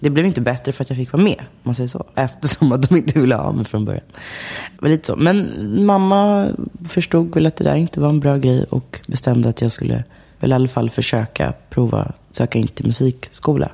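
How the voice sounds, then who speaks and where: A woman telling stories of her childhood in a relaxed interview, chatty, laughing often and full of fillers. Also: rumbling low, creaky, slightly rough. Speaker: guest. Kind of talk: casual interview chat.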